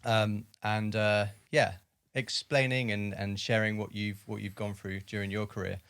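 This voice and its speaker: A podcast host chats in a friendly, casual way, peppering his talk with fillers. His lowish voice is smooth and a bit bright, level in tone and moderate in pace, recorded with no room sound.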